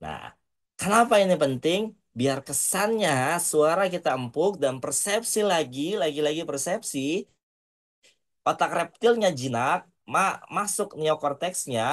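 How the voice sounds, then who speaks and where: A man giving an online public speaking lesson to university students, casual and lively, slowing down for dramatic pauses and sprinkling in English words. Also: fairly high pitch.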